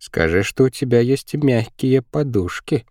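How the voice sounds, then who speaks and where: A man voicing a frantic, bossy and spiteful girl in an audiobook, with shrill, scolding and hurried whispered lines. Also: dry recording, studio quality. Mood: urgent whispering.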